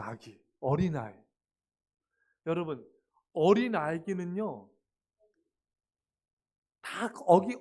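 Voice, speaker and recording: High-voiced pastor chatting with teens. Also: male voice. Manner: lively and chatty, asks the young listeners questions; acts out short voices in passing. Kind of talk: sermon to youth. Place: church service.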